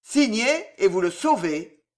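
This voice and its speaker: A woman's voice: mid-range voice, big pitch swings. Woman reading as a cold ruthless old nobleman. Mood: cold menace. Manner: cold and measured. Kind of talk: dramatic audiobook reading.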